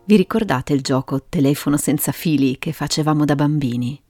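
A woman hosting and narrating a scripted story in a measured way, with dramatic pauses. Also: deep voice, dark tone, no room sound, studio quality. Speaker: host and narrator of a storytelling show. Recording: music behind the voice.

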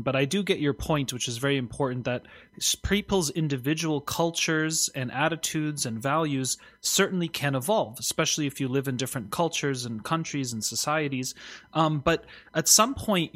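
A man's voice: mid-range voice, fairly bright tone. A man hosting a podcast conversation, responding in an easy conversational way. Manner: conversational, builds on the guest's points.

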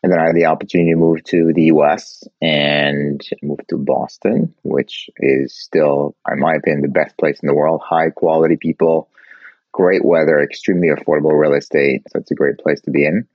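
A very deep-voiced male CEO from Switzerland who grew up in France. He speaks briskly with dry humor, on a dull, dry remote recording. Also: flat delivery, breathy edge, no echo. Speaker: company CEO. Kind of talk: interview guest.

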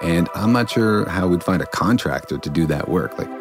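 A man's voice: low-pitched, animated, moderate pace, music in the background. A man co-hosting a podcast in casual, conversational science chat. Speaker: podcast host.

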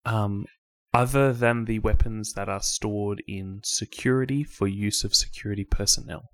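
A man's voice: fairly low pitch, fairly even intonation, moderate pace, a bit bright. A man playing a tabletop game, asking questions hesitantly with many ums. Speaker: player. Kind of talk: casual tabletop play.

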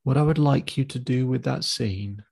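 Gravelly-voiced man guiding a visualization. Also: mid-range voice, no room sound, clean studio sound. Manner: slow, calm, instructive pacing with counted cues. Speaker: therapist guiding a client. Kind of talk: guided visualization exercise.

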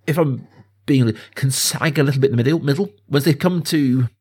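This film podcast host, a man in his thirties, has a mid-range, slightly rough voice with a darkish tone and a fairly quick pace. Chatting casually about movies, he speaks with enthusiasm and emphasis, repeating himself to build his arguments.

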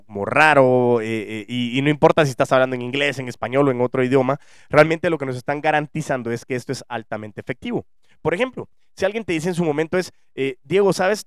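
Smooth-voiced Guatemalan man coaching listeners. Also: medium pitch, dry recording, clean studio sound. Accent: Guatemalan Spanish. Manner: earnest explainer, addresses listener directly; lively shifts in loudness and emphasis. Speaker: podcast host. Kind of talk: motivational teaching monologue.

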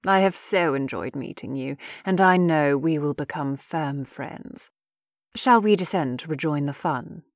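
A man's voice: a little high, unhurried, no echo, studio quality. A man reading a story, voicing a gracious and scheming female empress with regal, polished speech. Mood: gentle, gracious.

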